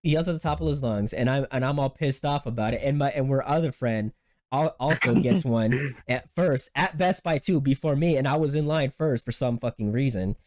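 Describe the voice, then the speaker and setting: A man telling a story in casual podcast chat, animated and full of swearing, with many restarts and sudden high jumps when he quotes himself. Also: fairly quick. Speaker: podcast host.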